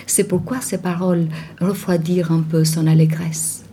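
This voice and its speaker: A woman reading a novel aloud in a calm, measured way. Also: lowish voice, a little hiss or hum. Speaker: audiobook narrator.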